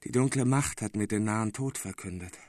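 A man's voice: lowish voice, fairly quick, a little mellow, no echo, clean studio sound, lightly acted. A man voicing a weary old court councillor who speaks in a faint, hollow, gloomy voice in an audiobook. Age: older.

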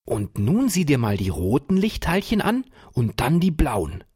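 A man voicing a kindly, enthusiastic old professor who patiently explains things to a child, in a husky voice. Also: mid-range voice, unhurried, dry recording, clean studio sound, voice pushed up, exaggerated voice. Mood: explaining. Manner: patient explaining, lively delight.

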